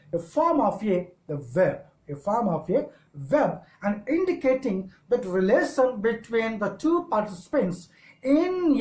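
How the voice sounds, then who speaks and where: A woman with a Telugu accent, a native Telugu speaker, teaching an English grammar lesson in halting, repetitive phrases. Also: medium pitch, a little mellow. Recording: echoey room.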